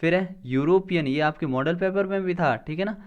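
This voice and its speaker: A man teaching a grammar lesson for an exam. He explains step by step, asks questions and answers them himself, and sounds out words slowly. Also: high voice, clean tone, highs cut off.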